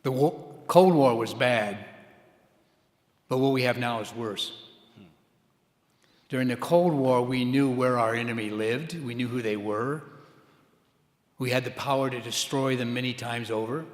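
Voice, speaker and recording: An older American man giving a formal keynote speech, with deliberate, emphatic delivery and the repeated cadences of a rally speech. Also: mid-range voice. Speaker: keynote speaker, former intelligence official. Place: large indoor conference hall, amplified. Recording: echoey hall with long reverb.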